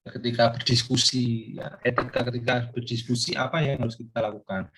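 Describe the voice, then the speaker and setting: A man's voice: mid-range voice, fairly even intonation, brisk, fairly bright tone, husky. Older male lecturer, rambling delivery. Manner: rambling, many fillers and questions to students. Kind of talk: recorded course lecture.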